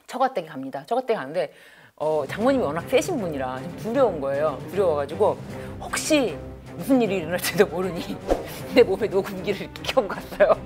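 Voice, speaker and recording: Lively woman counselor telling a case. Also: on the low side, fairly quick, music in the background. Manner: animated, expressive, acts out quotes. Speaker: divorce counselor and lecturer. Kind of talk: storytelling lecture.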